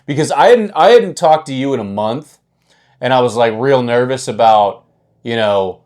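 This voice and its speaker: A man's voice: mid-range voice, lively intonation, moderate pace, darkish tone. A man co-hosting a podcast, telling stories in casual, profane chat with lots of restarts. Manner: profane, rambling storyteller with many restarts. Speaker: podcast co-host.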